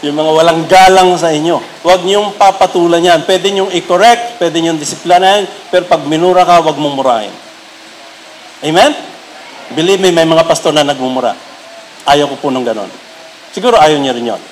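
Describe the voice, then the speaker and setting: A middle-aged Filipino pastor preaching a sermon, mixing Tagalog and English and rising to emphatic peaks. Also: male voice, fairly high pitch, slight background noise, poor audio. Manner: switches between Tagalog and English, builds to raised emphatic peaks.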